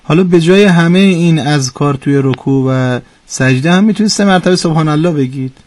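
A man on a radio lesson show, patient teacher voice, explains slowly step by step, very dry close studio sound with no room at all, just him and the mic in a quiet booth, calm and steady pace throughout. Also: on the high side, dry recording. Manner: patient, correcting pronunciation step by step.

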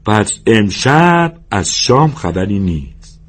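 A man doing a gentle, simple-minded giant who forgets things. He speaks slowly and hesitantly, low and soft, in a husky voice. It is an audiobook character voice. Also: big pitch swings. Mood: meek. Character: big slow-witted childlike man, gentle and forgetful.

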